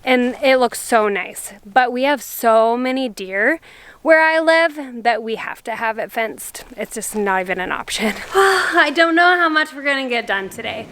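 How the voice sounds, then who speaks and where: A woman's voice: high-pitched, a little slow, fairly bright tone, smooth. A woman vlogging casually about her garden, chatty and rambling, now and then sighing. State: out of breath. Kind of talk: casual vlog talk to camera. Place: garage, storm outside.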